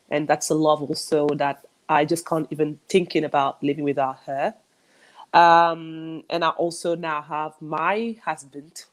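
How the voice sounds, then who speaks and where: A woman from Senegal in her thirties, speaking on a video call panel in a thoughtful, measured way. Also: deep voice. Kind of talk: casual panel discussion.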